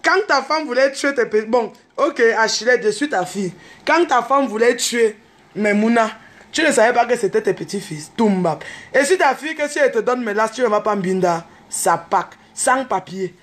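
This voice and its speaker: A woman, telling a story in an animated, unscripted rant to camera and mixing in street slang. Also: on the high side, normal speed. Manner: exclaims and calls out to others. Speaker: online video host.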